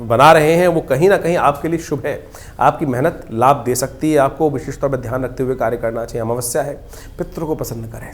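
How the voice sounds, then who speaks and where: A man speaking as an astrologer, giving a horoscope talk in an explanatory, advising way. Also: mid-range voice.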